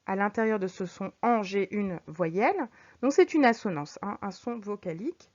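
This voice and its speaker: A woman teacher explaining figures of speech to her students, patient, reading examples slowly and clearly. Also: mid-range voice, animated. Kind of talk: recorded French lesson. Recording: dull lo-fi recording.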